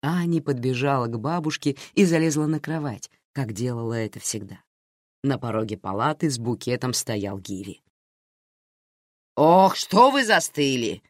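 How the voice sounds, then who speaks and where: A woman narrating an audiobook with lively storytelling intonation. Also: rumbling low, moderate pace, dry recording, studio quality. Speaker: audiobook reader.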